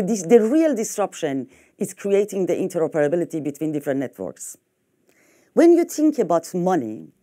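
French-accented woman giving a lively keynote. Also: fairly low pitch. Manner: lively, emphatic, with restarts. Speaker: conference speaker. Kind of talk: conference keynote talk. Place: hotel conference room.

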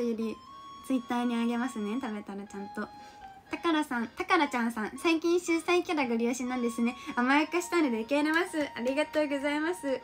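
A young woman streamer with a mixed Kansai and Kanto lilt, chatting casually as she reads out viewer comments and giggles often. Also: sits high. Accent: mixed Kansai and Kanto intonation. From Japan. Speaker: streamer reading chat comments. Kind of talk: casual live-stream chat.

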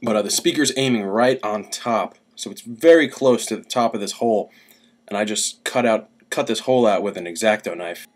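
A young adult man who demonstrates DIY music gear gives a casual how-to explanation from a small, cluttered room at home. He speaks at a normal speed in a fairly low voice into a webcam about arm's length away.

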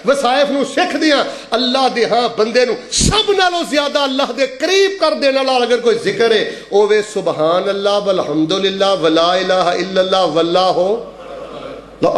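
A man's voice: very high voice, fairly bright tone, roomy sound. A man preaching a Friday sermon, calling on the congregation to repeat after him and chanting verses in a sweeping, rising and falling voice.

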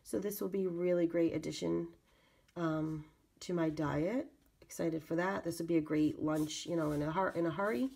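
A woman talks casually through an unboxing in a low, raspy voice with heavy vocal fry. She sounds stuffed up with a cold and moves haltingly between reading and commenting. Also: a little mellow. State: congested from a lingering cold. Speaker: video channel host. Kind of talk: casual product unboxing narration.

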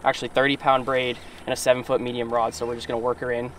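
A young adult man vlogs about fishing outdoors while wading in water, talking fast at a medium pitch into an action camera mic. He's excitable and out of breath, exclaiming loudly whenever he lands a catch, with outdoor noise in the background.

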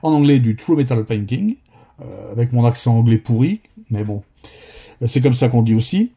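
Here a northern French man with a Ch'ti accent rambles amiably through a painting tutorial, often restarting and using lots of fillers. He has a husky, warm mid-range voice and keeps a moderate pace.

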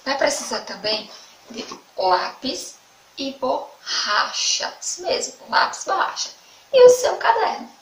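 Slow, sing-song woman teacher, echoey room. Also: a little high. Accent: Sergipe Brazilian Portuguese. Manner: slow, sing-song, repeats words for children. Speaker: primary school teacher. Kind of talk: online children's lesson. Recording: echoey room, mic at a distance, faint background noise.

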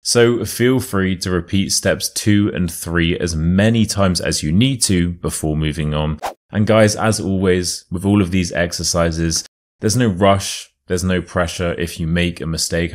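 A low-pitched man speaks in a modern British RP accent. He sounds like a pronunciation teacher, narrating a scripted lesson or story with careful, deliberate articulation so learners can follow.

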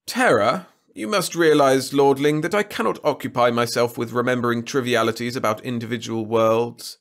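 A man voicing a haughty male alien emperor who speaks in a slow, commanding manner. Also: mid-range voice, fairly bright tone, voice pushed up, lightly acted. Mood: imperious. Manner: haughty, commanding, drawn-out delivery.

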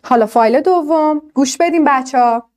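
A woman teaching an online English class, explaining pronunciation to students in a lively way and asking them questions. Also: sits high.

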